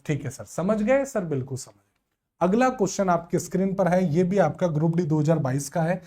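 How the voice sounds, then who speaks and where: A man's voice: high voice, moderate pace. A young man teaching a live online exam coaching class, explaining reasoning problems step by step and quizzing his students with rhetorical questions. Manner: lively, addresses students as sir, beta and bhaiya, rhetorical questions.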